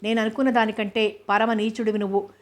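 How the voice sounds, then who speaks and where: A woman's voice: fairly high pitch, little pitch movement, a little fast, lightly acted. A woman reading the lines of a heated, accusing foreign wife in an audiobook novel, in her own voice. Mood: indignant.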